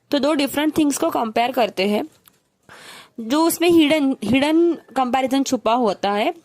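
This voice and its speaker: A woman teacher from Mumbai with a Mumbai accent, explaining a poem step by step and mixing English terms into her Hindi. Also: high-pitched.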